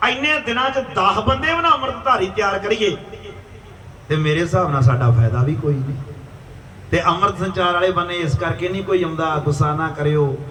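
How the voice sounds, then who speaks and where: A man, preaching and telling a religious story in an animated way that slips into the voices of the people in it. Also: high-pitched, far from the mic, slight background noise. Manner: animated, preachy, plays quoted characters. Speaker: dhadi preacher. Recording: echoey live stage, heard from afar, faint ambience.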